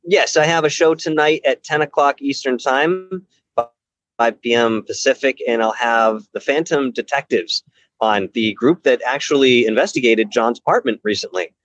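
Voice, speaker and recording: A man's voice: medium pitch, moderate pace, a bit bright, no echo. Man, guest on a live stream, bad connection, cutting out, muffled line, dry sound. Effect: bad call connection, cutting out. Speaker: guest, paranormal show host. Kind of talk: casual live stream chat.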